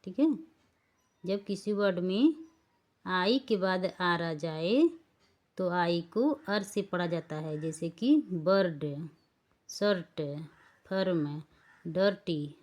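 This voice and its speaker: A woman teaching English pronunciation rules, spelling words out letter by letter and checking that the learners follow. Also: on the low side. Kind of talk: slow spelling-rule lesson.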